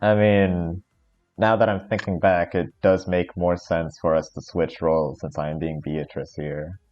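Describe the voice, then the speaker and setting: A man with a fairly low voice chats casually over a game. He is amused and unhurried, with loose, sweary phrasing. The recording is dull and lo-fi, with music behind. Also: little pitch movement, darkish tone. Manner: amused, profane. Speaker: fan visual novel creator playing along. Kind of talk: casual joking chat during a game.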